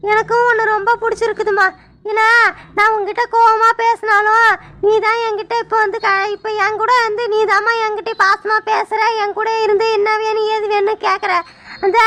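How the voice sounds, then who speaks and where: A woman's voice: very high voice, sharp tone. A woman voicing a tearful elderly mother-in-law in a cartoon, with a shaky, pleading voice. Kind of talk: cartoon voice acting.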